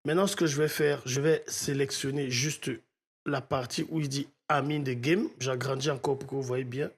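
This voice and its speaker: A man's voice: medium pitch, fairly even intonation, moderate pace, breathy edge. A man teaching audio mixing in a step-by-step tutorial, often checking in with his viewers. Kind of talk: screen-recorded software tutorial.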